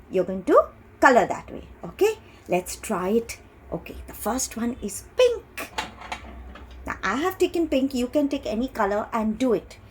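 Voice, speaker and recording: Woman teacher, Indian English accent, middle-aged; lively, patient, drawn-out delivery for young pupils. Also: fairly high pitch, a little hiss or hum. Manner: slow, patient, sing-song teacher talk, stretching key words. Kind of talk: online class lesson for young children.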